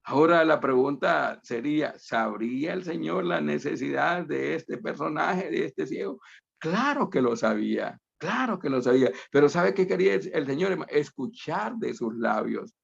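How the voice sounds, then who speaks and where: A man from Honduras delivers a sermon over a video call. His voice is heavily gravelly and sits somewhat high. He speaks emphatically, repeats phrases, and keeps calling his listeners brothers, all through dull, lo-fi call audio. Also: lively intonation, moderate pace. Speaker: preacher. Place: home, on a virtual meeting.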